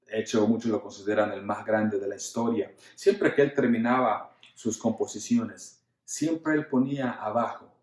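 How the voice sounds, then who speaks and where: A man's voice: on the low side, normal speed, hardly any pauses, roomy sound. A man preaching a sermon earnestly, repeating words for emphasis and addressing the congregation as brothers. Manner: earnest, addresses listeners formally as usted and hermanos. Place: church.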